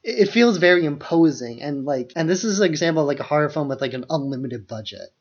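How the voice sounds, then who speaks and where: On a dull, lo-fi microphone, a podcast co-host with a highish, animated voice talks quickly about films. His chat is loose and casual, sprinkled liberally with "like."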